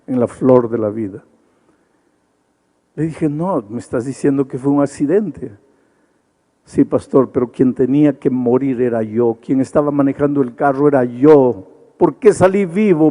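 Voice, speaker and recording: A man pastor preaching an evangelistic sermon, who swings between soaring, high appeals and hushed, intimate storytelling.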